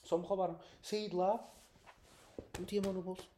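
A young man with a European Portuguese accent, telling a story in a casual podcast chat, animated, swearing often and acting out the scenes. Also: sits high, a little fast. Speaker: podcast co-host.

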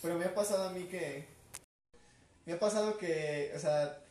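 A man with a Mexican accent telling a long story in a casual chat, filling every pause with "güey". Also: high voice, darkish tone, far from the mic. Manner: slangy, says "güey" constantly. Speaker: podcast guest or co-host. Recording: roomy, off-mic, faint noise.

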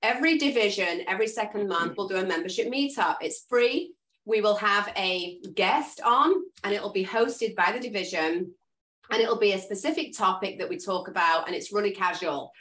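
An English woman hosting a casual video call for an association of dog trainers, chatty and expressive as she tells stories. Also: mid-range voice, moderate pace. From England. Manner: chatty, expressive storyteller, self-described loud and noisy. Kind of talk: casual chat.

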